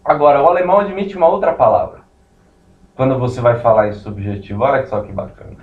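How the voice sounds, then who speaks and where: A man's voice: mid-range voice, quick pace, a little hiss or hum. A man lectures on law in a roomy space, his voice distant from the microphone. He explains at length, drifting off on tangents as he writes on the board. The recording is muffled and lo-fi. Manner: explanatory, digressive, writes on board while talking.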